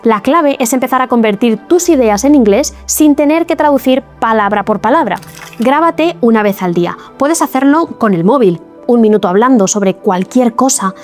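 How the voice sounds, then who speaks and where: A woman giving a scripted video lesson as an English teacher, explaining each step clearly and encouragingly. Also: a little high, expressive, moderate pace, soft background music.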